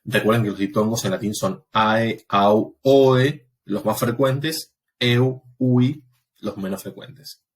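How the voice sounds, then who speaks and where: A man teaching a Latin class, explaining step by step and often pausing to check that students follow. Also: lowish voice. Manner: patient, explanatory, checks understanding with frequent "¿sí?". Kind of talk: recorded class lecture.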